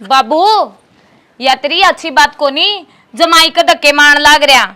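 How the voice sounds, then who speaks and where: A woman's voice: sits high, measured pace, pushed and bright, a little hiss or hum. A woman with a Haryanvi accent playing an outspoken, protesting village wife in a comedy skit. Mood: scolding. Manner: scolding, protesting. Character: outspoken village wife defending her husband before her father. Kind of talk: rural comedy skit acting.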